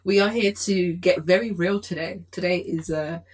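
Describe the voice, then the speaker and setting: A woman's voice: lowish voice, normal speed, a little mellow, husky. A woman, co-hosting a podcast in casual conversation. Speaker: podcast co-host. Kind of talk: casual group chat.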